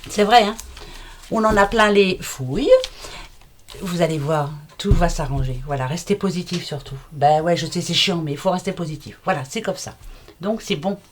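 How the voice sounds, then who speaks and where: A woman's voice: on the low side, normal speed, a little hiss or hum. A middle-aged woman giving a casual card reading to her viewers, chatty, familiar and reassuring, with everyday slang. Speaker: card reader.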